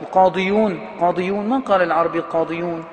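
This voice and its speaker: A man's voice: high voice, a little slow. A man teaching grammar as a professor in a classroom lecture, who poses questions to his students and answers them himself and stretches out key words for emphasis. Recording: long hall reverb with faint background noise.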